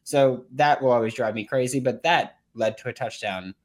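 A man's voice: medium pitch, moderate pace. A man giving casual, emphatic sports commentary as a podcast panelist.

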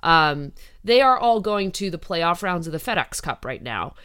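A woman's voice: on the low side, very animated, moderate pace, fairly bright tone, clean tone. A woman co-hosting a sports chat show. Her voice is stuffy and nasal from a sinus headache. She talks loosely and casually, swearing now and then. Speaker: podcast co-host.

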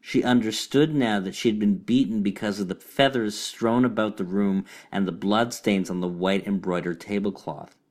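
A man reading a short fable aloud in a measured, deliberate storytelling manner. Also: lowish voice, fairly even intonation, darkish tone. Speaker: reader. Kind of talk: storybook narration.

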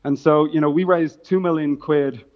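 Man, Dublin accent, flat even intonation, explanatory startup-founder talk, business jargon, slightly dull recording. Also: fairly high pitch, normal speed. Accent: Dublin Irish. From Dublin, Ireland. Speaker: startup founder, interview guest. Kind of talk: conversational business interview answers.

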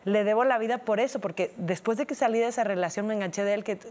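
A woman from Guadalajara with a Mexican accent, co-hosting a casual chat and telling a personal story in an animated way, acting out what people said. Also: medium pitch, fast. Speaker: podcast co-host.

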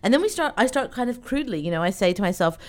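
A woman from Iran who grew up in the UK, speaking as a guest in an interview in an animated, chatty way with many fillers. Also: medium pitch, racing. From Iran, raised in the UK. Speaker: event organizer, guest. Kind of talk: conversational interview.

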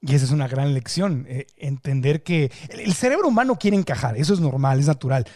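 A man's voice: on the high side, animated, fairly quick, darkish tone, no echo, clean studio sound. A man hosting a podcast, asking questions and reflecting on the answers. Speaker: podcast host. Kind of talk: interview questions.

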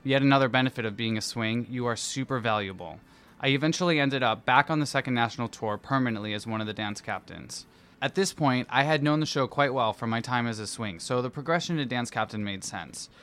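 Reading his personal essay in a playful, theatrical, self-deprecating way, this man, a musical theatre performer and dance captain, speaks fairly quickly. His voice is smooth, medium-pitched and fairly bright.

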